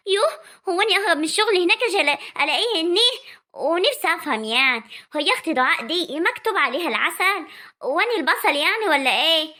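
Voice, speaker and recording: A woman's voice: extremely high pitch, expressive, bright, forceful tone, heavily acted. Woman playing a complaining young village daughter. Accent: rural Egyptian Arabic. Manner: quick, complaining, nagging.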